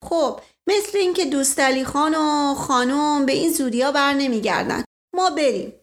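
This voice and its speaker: A woman's voice: high-pitched, pitched above the performer's own voice, lightly acted. A woman voicing a flirtatious, blustering middle-aged nobleman who talks theatrically and keeps exclaiming "momento". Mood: scheming.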